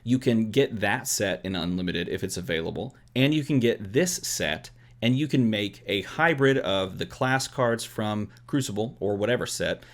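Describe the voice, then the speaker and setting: A man hosting a trading card game video, rambling excitedly to his viewers in an overexcited babble, with emphatic repeated questions. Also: on the low side, normal speed, hardly any pauses.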